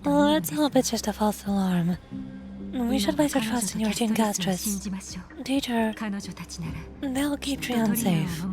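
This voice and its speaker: A woman voicing a composed, stern noble leader from a video game, reading the dialogue in a measured, formal, aloof way. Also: fairly high pitch, lively intonation, music in the background, pitched below the performer's own voice. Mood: calm, reassuring.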